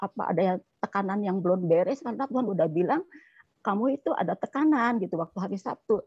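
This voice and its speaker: A woman's voice: medium pitch, expressive, fast, a little mellow, slightly rough, no room sound, lo-fi sound. A woman in an online class sharing a personal testimony, telling it in an emotional, rambling way over a video call.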